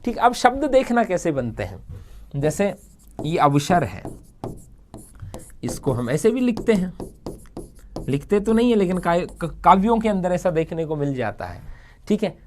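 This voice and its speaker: A man teaching a Hindi grammar lesson. He dictates example words slowly, asks the class questions and answers them himself, and urges viewers to repeat each word aloud with him. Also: high voice, big pitch swings, a little hiss or hum.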